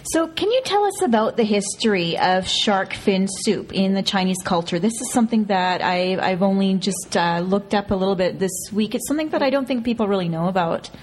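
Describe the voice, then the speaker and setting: A woman's voice: mid-range voice, expressive, brisk, few pauses, a little hiss or hum. Woman hosting a community radio interview. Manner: scripted intro, then friendly questions. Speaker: radio show host.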